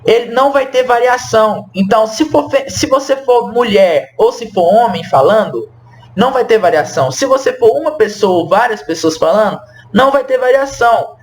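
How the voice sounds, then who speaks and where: A young man teaching French to Portuguese speakers, talking slowly and repeating each phrase, often checking in with the viewer. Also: high-pitched, animated. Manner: slow, repeats phrases, asks the viewer questions. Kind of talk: explaining a language lesson.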